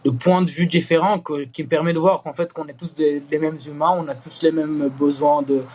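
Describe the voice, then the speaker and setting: A young man born in East Jerusalem, speaking in a candid interview, earnest and halting with frequent restarts and fillers. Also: fairly high pitch, steady tone, a little mellow, a little hiss or hum. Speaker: Israeli reservist interviewee.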